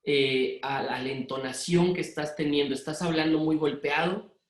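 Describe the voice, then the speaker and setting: Middle-aged Mexican man with a Monterrey-influenced accent, hurried and direct, running a parenting workshop in a roomy, echoing space. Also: fairly high pitch, fairly even intonation. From Mexico City. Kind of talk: live workshop talk to parents. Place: room with an audience.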